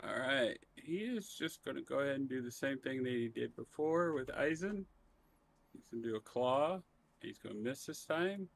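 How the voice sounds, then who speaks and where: A man running a tabletop game as game master, calling turns in an easygoing, brisk way. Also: mid-range voice, lively intonation, creaky.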